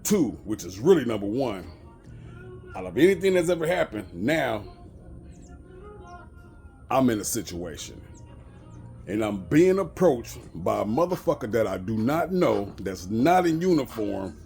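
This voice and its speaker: A man's voice: fairly low pitch, sing-song, a little slow, pauses often, a little mellow, faint music behind. A middle-aged man telling a profane story about work in a casual vlog rant. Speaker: bus driver.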